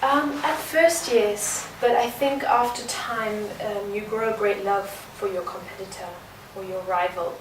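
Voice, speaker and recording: A woman, a dancer answering interview questions in an earnest, reflective way, pausing on fillers. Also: medium pitch, fairly even intonation. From South Africa. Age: early 20s. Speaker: guest dancer. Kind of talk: conversational interview. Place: indoor art venue. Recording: roomy, distant mic, noisy background.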